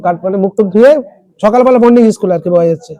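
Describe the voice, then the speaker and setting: A tutor explaining an English text in Bengali, reading lines slowly and asking students word meanings. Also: female voice, mid-range voice, dark tone, dry recording. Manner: asks students questions and repeats word meanings. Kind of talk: classroom lesson explaining a text.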